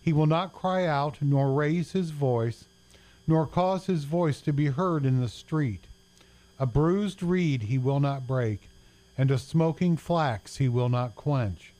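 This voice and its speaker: Man reading scripture slowly. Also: on the high side, dark tone. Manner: slow, deliberate reading.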